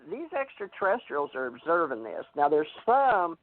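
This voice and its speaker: A woman's voice: deep voice, very animated, normal speed, dry recording. Older woman on a choppy phone line. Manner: rambling, loses her thread mid-sentence. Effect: bad phone connection that keeps cutting out. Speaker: radio show host. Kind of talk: rambling casual radio talk. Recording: tinny dry phone line.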